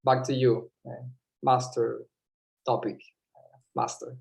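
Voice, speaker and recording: Man, impromptu answer, hesitant, repeats words, mid pitch. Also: little pitch movement, takes it slowly, vocal fry, a little mellow. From Venezuela. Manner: hesitant, repeats words, searches for English terms. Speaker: club member giving an impromptu answer. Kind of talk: impromptu speech on a video call.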